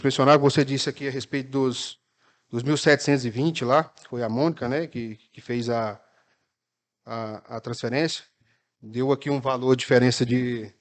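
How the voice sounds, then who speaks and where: A man with a Minas Gerais accent addresses a municipal council session. His voice sits at an ordinary middle pitch. He speaks in measured, halting phrases full of fillers and restarts. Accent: Brazilian Portuguese, Minas Gerais. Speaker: city councilman questioning officials. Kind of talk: formal council session speech.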